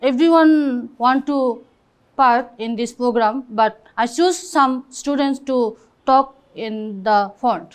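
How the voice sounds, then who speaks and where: A woman English teacher speaks very slowly in halting English. Her voice is high as she spells words out letter by letter in class. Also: clean tone.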